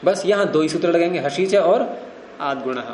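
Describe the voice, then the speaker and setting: Male grammar teacher, fairly high voice, quizzing students, roomy echo. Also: normal speed, a little mellow, slight background noise. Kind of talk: classroom teaching.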